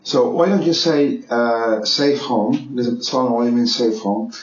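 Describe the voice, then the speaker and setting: A man's voice: mid-range voice, a little slow. A man hosting a casual chat from home, talking hesitantly with many restarts. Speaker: podcast host. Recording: echoey room, dull sound, faint noise.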